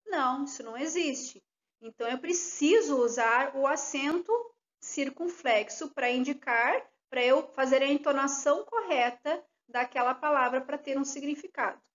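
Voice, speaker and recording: A woman's voice: high voice, moderate pace, a bit bright, lo-fi sound. A woman teacher, giving a recorded lesson and explaining each step patiently with questions.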